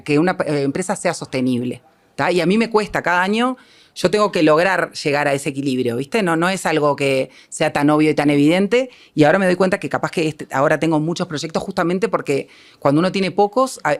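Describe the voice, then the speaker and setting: Her voice sits low. She is a Uruguayan-accented film producer speaking as a panel guest, her answers halting and self-deprecating while she thinks out loud.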